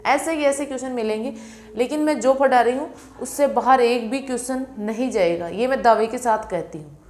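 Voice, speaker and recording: A woman's voice: on the high side, darkish tone, faint music behind. Confident woman teaching exam tricks. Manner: confident, repeats key terms slowly for memorising. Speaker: Sanskrit teacher. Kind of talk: exam-prep lecture.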